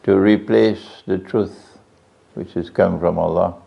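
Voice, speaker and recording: A man's voice: fairly even intonation, takes it slowly, creaky, slightly rough. A man preaching a sermon, questioning his audience often. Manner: questions the audience, varies his pitch widely. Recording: lo-fi, dull sound.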